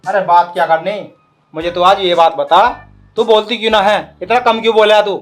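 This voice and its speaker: A woman playing a gruff old village farmer father-in-law in a rustic comedy skit, grumbling. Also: mid-range voice, steady tone, normal speed, faint music behind, close to an everyday voice. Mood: coaxing.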